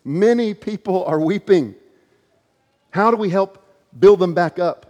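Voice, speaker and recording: Pastor preaching in a reverberant hall. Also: male voice, sits high, a little slow, mellow, dull audio. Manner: earnest, questioning, reads scripture aloud. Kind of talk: sermon.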